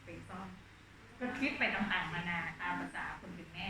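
A woman's voice: on the low side, brisk, sharp tone, faint music behind. A woman teacher explaining classical verse to her class in plain talk, acting out the characters' thoughts. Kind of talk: classroom lesson on Thai literature. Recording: distant, muffled, echoey, noisy.

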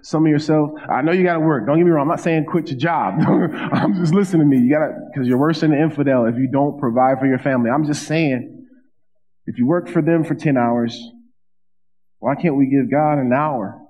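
A man's voice: a little high, a little fast. A man in his thirties preaching a sermon from a church pulpit, talking conversationally with asides and repeated phrases. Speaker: pastor. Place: church stage at a wooden pulpit. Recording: dull sound with long hall reverb.

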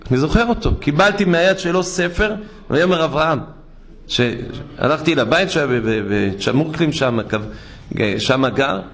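Impassioned rabbi preaching in a synagogue. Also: male voice, a bit bright. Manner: impassioned storytelling preacher, swings between low murmurs and high exclamations. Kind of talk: sermon.

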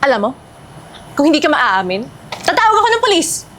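Very high-voiced furious wife. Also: female voice, sing-song, brisk, a little hiss or hum. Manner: loud, accusing, theatrical shouting. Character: furious wife confronting a suspected mistress. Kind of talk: short film acting.

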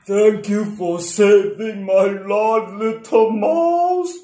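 A man voicing a boastful, proud male lion king with a slow, booming, roaring delivery, in an echoey room. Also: warm tone. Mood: grateful.

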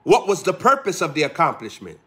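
A man a sermon in a fairly high, bright and forceful voice. He builds his points through rhythmic repetition, firing question after question at his listeners. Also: wildly swooping pitch, brisk. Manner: preaching with rhythmic repeated phrases and pointed questions. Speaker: preacher.

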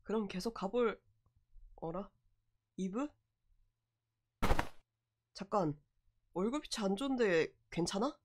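Woman voicing a gentle young man, game companion. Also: mid-range voice, lively intonation, slow, long pauses, noisy background, voice pushed down. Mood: concerned. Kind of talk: reading game dialogue aloud in character. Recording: music behind the voice.

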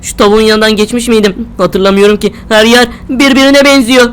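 A woman's voice: on the high side, steady tone, fairly quick, smooth. A young woman giving jumpy, exclaiming commentary on a horror game, talking to herself as she plays. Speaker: game streamer.

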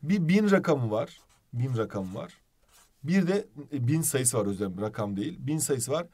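Lively, playful male teacher. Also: medium pitch, moderate pace, slightly rough. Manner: playful, animated teaching with questions. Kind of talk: video lesson.

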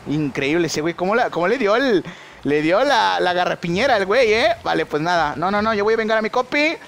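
A young man with a Mexican accent giving excitable, slangy live commentary on his own gameplay and shouting at big plays. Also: sits high, fairly quick, creaky. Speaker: gaming YouTuber.

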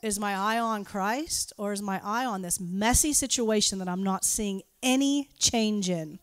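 A woman's clean, mid-range voice moves at a measured pace with no echo. Speaking as a preacher at a church gathering, she offers an informal sermon laced with personal anecdotes, talking conversationally, laughing at herself and giggling.

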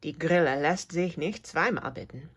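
A woman whose first language is English, reading a children's picture book aloud with expressive storytelling. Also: low-pitched, normal speed, husky. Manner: expressive storytelling, with sound effects. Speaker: reader.

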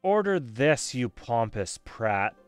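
A man voicing a blustering cowboy who shouts for order, with a put-on country twang. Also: medium pitch, big pitch swings, slow, clear, resonant tone, faint music behind. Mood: scornful. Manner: shouting, pompous.

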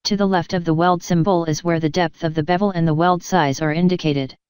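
Narrating a scripted technical lesson, a female instructor keeps her delivery calm, even and measured as she explains. Her voice sits slightly low and comes through very clear and clean. Recorded close and dry, the audio has no room sound and no echo.

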